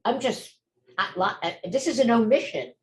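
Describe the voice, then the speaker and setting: A woman's voice: on the high side, moderate pace, roomy sound, rough recording. An older woman mentoring notaries in a folksy, chatty way, often repeating words and acting out sample phone calls. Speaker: guest speaker, notary mentor. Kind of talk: mentoring webinar talk.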